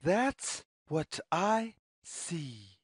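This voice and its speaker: In a clean, dry studio recording, a story reader shares a picture book with young children at a very unhurried, deliberate pace. She sets out every phrase word by word, her mid-pitched voice very animated, sing-song, and a little husky.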